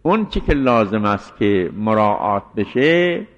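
A man giving a deliberate scholarly lecture as a seminary teacher, explaining and restating his points. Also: fairly low pitch, sing-song. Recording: dull lo-fi recording in a reverberant hall.

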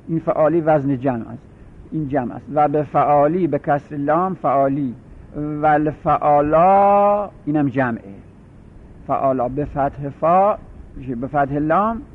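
A man teaching a classroom grammar lecture, methodically repeating and spelling out word patterns. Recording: tinny phone-like audio with faint rumble.

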